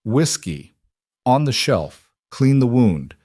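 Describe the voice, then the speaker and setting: A man's voice: mid-range voice, sing-song, slow, mellow, no room sound, studio quality, pitched above the performer's own voice. A man voicing a terse wounded mountain man. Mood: weak. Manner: terse, strained through pain. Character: gruff wounded middle-aged male mountain hermit.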